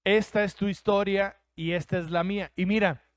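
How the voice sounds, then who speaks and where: Man, mexican spanish accent, pastor's sermon, high voice, dry close sound. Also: fairly even intonation, moderate pace, no room sound. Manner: emphatic preaching, plays out quoted voices.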